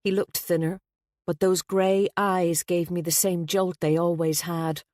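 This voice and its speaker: Low-voiced woman narrating an audiobook. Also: level tone, a little slow, a little mellow, no echo, studio quality. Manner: wry, introspective first-person telling. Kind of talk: scripted first-person audiobook narration.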